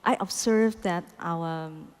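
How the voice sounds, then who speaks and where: A woman team leader giving a measured panel answer, often pausing with "you know". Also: fairly low pitch, a little mellow, long reverb tail.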